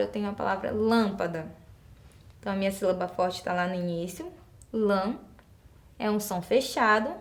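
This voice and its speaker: A Brazilian woman teacher with a Brazilian Portuguese accent walks through exercises at a patient, even pace, breaking each one into small steps. She often poses a question to the class and answers it herself. Her voice sits at a middle pitch. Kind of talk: classroom lesson explaining exercises.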